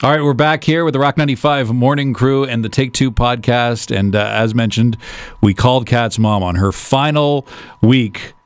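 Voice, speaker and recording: A man hosting a radio show in casual on-air chat, halting and often repeating his phrases. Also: mid-range voice, clear, resonant tone, no room sound. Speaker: radio morning show host.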